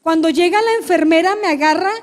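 A woman with a very high voice recounts her own story as a church testimony. She speaks fervently and emotionally, breaking into loud prayers of thanks. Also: a little fast. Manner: fervent, prays aloud, addresses listener as "hermano". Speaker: guest giving testimony.

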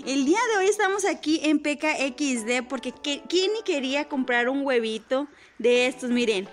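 A woman hosting children's gameplay commentary in a bright sing-song manner, drawing out words and using cute diminutives. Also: high voice, animated, normal speed. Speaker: host of a children's gaming video channel. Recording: music under the voice. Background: background music.

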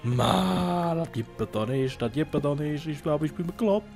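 A young man hosting a let's play talks casually while he plays, answering viewer questions and making jokes about himself. His voice is a little high, gravelly, and a little mellow, expressive and moderately paced, set against soft background music.

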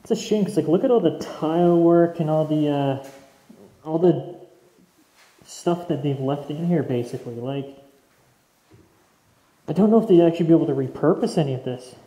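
A man's voice: a little high, moderate pace, pauses often, warm tone. Man echoing through empty rooms. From Canada. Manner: chatty, addresses viewers as guys. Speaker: urban explorer host. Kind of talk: casual walkthrough commentary. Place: empty mansion basement.

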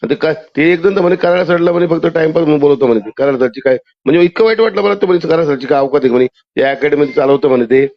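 Male caller, high voice, insistent and argumentative, dull phone-call sound. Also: very fast, few pauses. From Maharashtra, India. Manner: insistent, talks over the other man. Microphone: telephone line. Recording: muffled phone call audio.

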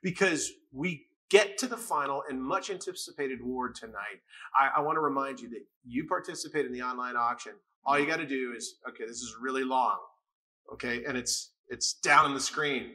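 A man's voice: mid-range voice, moderate pace, pushed and bright. A man co-hosting an arts awards show, upbeat and jokey as he makes a fundraising appeal.

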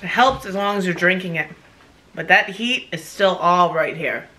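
A woman's voice: on the low side, moderate pace, bright, forceful tone, low-quality recording. A middle-aged woman talking casually to camera in a home kitchen while her mouth burns from spicy food, with a runny nose and frequent exclamations. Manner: exclaiming with whews and short pained remarks. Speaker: vlogger doing a hot chip challenge. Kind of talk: casual reaction vlog to camera. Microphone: camera across the table.

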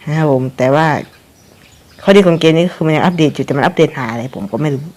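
A man's voice: on the high side, quick pace, darkish tone. Young guy talking over his game, rambly, swears a lot, chuckles here and there. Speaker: gameplay commentator. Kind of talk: casual gameplay commentary.

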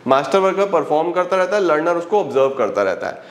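Animated male teacher in an echoey room. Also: fairly high pitch. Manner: lively, repetitive teaching with rhetorical questions; slows right down to dictate English definitions. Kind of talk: exam-revision lecture.

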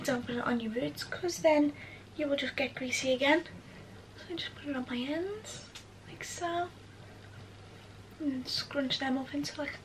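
A woman's voice: sits high, recorded from a distance, a little hiss or hum, poor audio. A young woman chatting to camera as she walks viewers through each step of her routine at home. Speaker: beauty vlogger. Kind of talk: casual how-to chat to camera. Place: at home, indoors.

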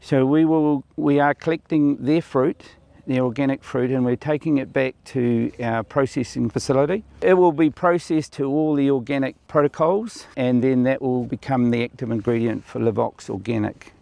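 A man's voice: medium pitch, moderate pace, creaky, warm tone, no echo. An older man from New Zealand, an orchard owner, explaining kiwifruit growing outdoors in an interview, plainly and with fillers. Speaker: orchard owner and company founder. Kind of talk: on-camera interview.

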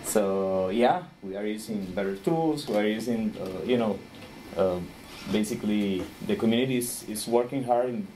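A man's voice: lowish voice, moderate pace, mellow, rough recording. Guy giving a conference talk, chuckles a lot, faint room hum behind. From Costa Rica. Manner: friendly, laughs often, searches for words. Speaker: conference speaker.

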